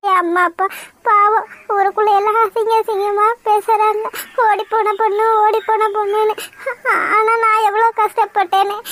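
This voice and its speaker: A woman's voice: extremely high pitch, fairly bright tone, dry recording. A woman voicing a remorseful young village woman in a cartoon, speaking in sobbing, self-blaming pleas. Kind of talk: cartoon voice acting.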